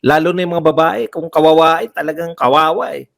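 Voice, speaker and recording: A man's voice: fairly high pitch, fairly even intonation, a little fast, gravelly, a bit bright. A man giving heated livestream political commentary, firing off rhetorical questions and repeating phrases for emphasis.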